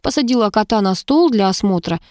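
A woman narrating a first-person audiobook in a wry, lively storytelling manner. Her voice is mellow and dark, recorded on a close mic that sounds dry, with no room around it. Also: mid-range voice, fairly quick, no echo.

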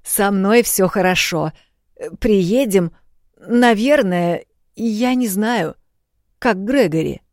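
A woman's voice: mid-range voice, takes it slowly, long pauses, a little mellow, no echo, studio quality, voice pushed up. A woman reading an audiobook, voicing an eager young maid who gushes and then hesitates. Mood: relieved.

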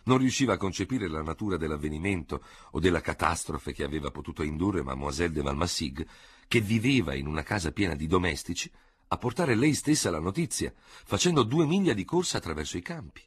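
Expressive husky male audiobook narrator. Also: low voice, no echo. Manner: expressive, measured.

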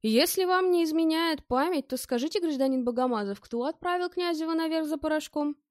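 A woman's voice: sits high, a little fast, no room sound, studio quality, voice pushed up, lightly acted. A woman reading an audiobook, voicing a curt male investigator who speaks in short, commanding sentences.

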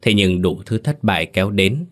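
A man narrating a horror story, in a measured, dramatic reading. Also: sits low, lively intonation, a bit bright.

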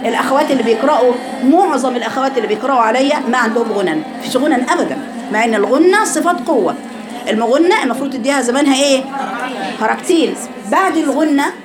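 A woman with an Egyptian accent teaching Quran recitation, correcting students and drawing sounds out slowly to demonstrate. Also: sits high. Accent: Egyptian Arabic. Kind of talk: online recitation class.

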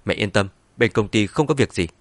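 A man's voice: fairly low pitch, lively intonation, brisk, dry recording, natural voice. A man voicing a determined young woman who pleads earnestly with her mother in an audiobook. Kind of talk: audiobook character voice.

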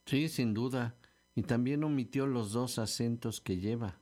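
A man's voice: medium pitch, a little slow, a little mellow, close to an everyday voice. A man voicing a stern male hiring manager who speaks curtly and dryly. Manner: curt, dry.

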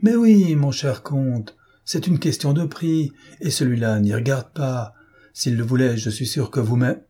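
A man voicing a proud, defiant gentleman thief in an audiobook, mocking and self-assured. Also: medium pitch, a little slow, husky. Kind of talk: audiobook character reading.

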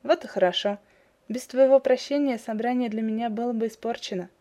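A woman's voice: fairly high pitch, fairly quick, mellow, close to an everyday voice. A woman voicing an earnest, courteous young village man who is courting a girl. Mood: eager. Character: young male villager, frank and eager suitor.

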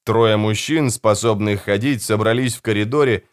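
A man reading a dark fantasy novel aloud as an audiobook narrator, in measured storytelling. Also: lowish voice, clean tone. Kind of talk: dramatic scripted narration.

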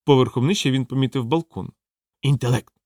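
A man reads a novel aloud as an audiobook narrator in a measured, storytelling way. His voice sits at a middle pitch. The recording is dry, with no room sound. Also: lively intonation, no room sound.

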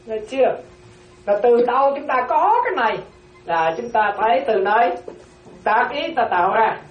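Her voice is fairly high and animated, at a normal pace, as the Buddhist nun leads a class through a dharma talk. She returns to key phrases and repeatedly asks if listeners follow. The audio is muffled, recorded roomy and distant.

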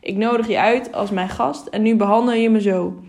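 A woman's voice: medium pitch, steady tone, normal speed, darkish tone, natural voice. A woman reading the part of an irritable, pompous middle-aged mayor who blusters and scolds. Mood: blustering. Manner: blustering, indignant, coaxing.

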